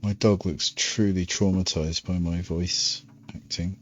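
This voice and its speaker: A man's voice: deep voice, fairly even intonation, measured pace. A man streaming a game, rambling and dry, with self-mocking asides. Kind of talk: live game-stream commentary. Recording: dull, dry stream audio.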